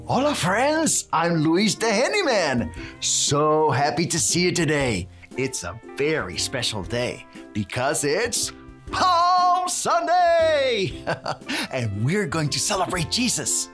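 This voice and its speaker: A man's voice: on the high side, very animated, measured pace, fairly bright tone, soft background music. A man hosting a preschool Bible lesson as a cheerful handyman, playful and exclamatory, leading children in chants. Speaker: children's show host in character.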